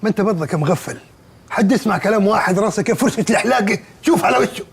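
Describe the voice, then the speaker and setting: El Kabeer, a loud bossy Upper Egyptian village head. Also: male voice, sits high, expressive, racing, vocal fry, breathy edge, full character voice. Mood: mocking. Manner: scolding, sarcastic, insulting. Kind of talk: sitcom acting.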